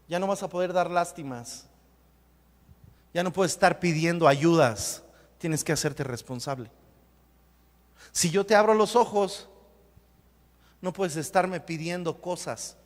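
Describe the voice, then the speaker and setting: A man preaching a sermon as pastor, emphatic and repetitive, with sudden loud bursts. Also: sits high. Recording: long hall reverb.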